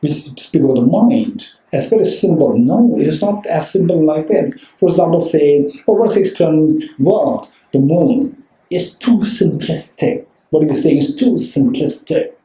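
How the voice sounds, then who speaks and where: A man's voice: on the high side, expressive, unhurried, warm tone. Man giving a talk in an echoey room. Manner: conversational, checks in often with "right?" and "okay"; repeats phrases for emphasis. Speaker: Buddhist teacher. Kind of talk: dharma talk to a live audience. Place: room with a live audience. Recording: roomy echo.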